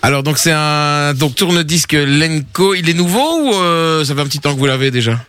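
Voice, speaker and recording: A man's voice: a little high, expressive, fairly quick, a bit bright, smooth. A man making a prank call for a radio show, hesitant and full of fillers. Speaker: radio co-host.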